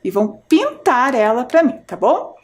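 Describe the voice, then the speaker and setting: A woman teaching a video lesson to young children, slowly sounding out words syllable by syllable with a Brazilian Portuguese accent, often checking in with them. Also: sits high, sing-song. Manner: slow, syllable-by-syllable drawn-out pronunciation. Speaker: primary school teacher.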